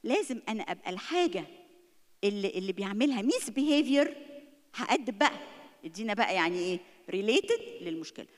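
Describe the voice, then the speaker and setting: A woman's voice: medium pitch, brisk. A woman with an Egyptian Arabic accent giving a church talk on disciplining children, switching often between Arabic and English. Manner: lively, mixes Arabic with English words. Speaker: church speaker on parenting. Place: church hall. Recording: long hall reverb from church livestream.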